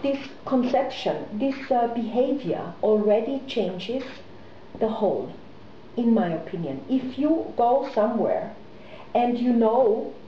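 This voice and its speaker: Middle-aged woman, higher voice, hesitant with fillers, roomy muffled recording. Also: animated, slow pace, a little hiss or hum. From Austria. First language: German. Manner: hesitant, many fillers and restarts. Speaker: interviewee, businesswoman. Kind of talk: conversational interview.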